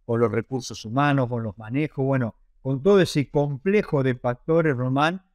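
The speaker, a pig production researcher and lecturer being interviewed over a video call, explains his work conversationally from a small indoor office. He is an older man of late 50s to 60s with an Argentine accent, on a wired earphone headset. His mid-range voice is a little mellow and paced at normal speed, with no room sound.

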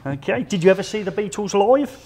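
A man's voice: high voice, animated, brisk, a little mellow, slight background noise. A middle-aged man co-hosting a tool review, joking and rambling in casual banter while working. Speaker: co-host of tool review channel.

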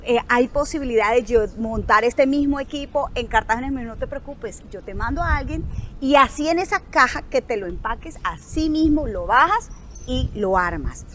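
On an outdoor resort terrace, a thirtysomething woman from Colombia's Caribbean coast, identified as a guest and news anchor, animatedly recounts stories during an interview. Her voice is high and her pace moderate, with slight background noise. She performs the dialogue expressively.

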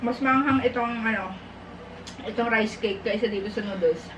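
Woman vlogger, mouth full, slightly high voice, roomy sound from a distant mic with noise behind. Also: a little fast, dull audio. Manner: chatty, apologetic to viewers. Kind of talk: casual mukbang chat. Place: room at home with aircon running.

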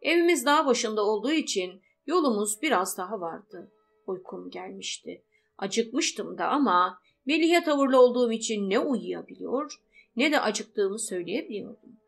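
A woman's voice: medium pitch, expressive, moderate pace, gravelly. A woman narrating an audiobook story in the first person, telling it expressively. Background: faint music.

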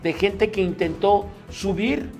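A man co-hosting a comedy news show, recounting a story in a rambling way with many pauses and restarts. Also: sits high, darkish tone, soft background music. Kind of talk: casual news commentary.

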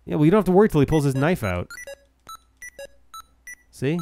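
A man's voice: fairly high pitch, very animated, fairly quick, warm tone. A man giving casual, crude commentary while coaching a friend through a retro handheld game. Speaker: let's play co-host. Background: faint game music and beeps.

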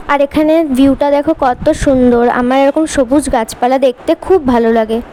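A woman vlogger with a high, light voice narrates her day in a chatty voice-over. She talks right to her viewers. A faint hum of background noise sits under the recording. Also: darkish tone, poor audio. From Kolkata, India. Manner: chatty, speaks straight to viewers. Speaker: lifestyle vlogger.

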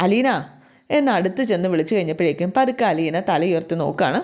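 A woman's voice: on the low side, animated, rapid-fire, a little mellow. Chatty woman storyteller. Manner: chatty, addresses listeners, restarts mid-word. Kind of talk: casual oral storytelling.

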